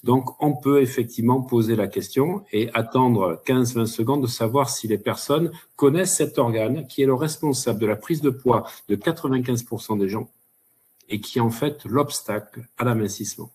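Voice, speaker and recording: A man's voice: medium pitch, moderate pace, darkish tone, slightly rough. A man speaking as a guest expert on a webinar, chatty and emphatic, with frequent fillers. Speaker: guest expert, hypnotherapist and pharmacist. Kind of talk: casual webinar talk.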